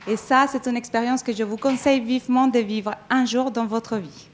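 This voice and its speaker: A woman's voice: a little high, steady tone, moderate pace, a little hiss or hum. Hesitant woman from Mexico. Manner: hesitant, many fillers and restarts. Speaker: event organizer. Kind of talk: event introduction speech.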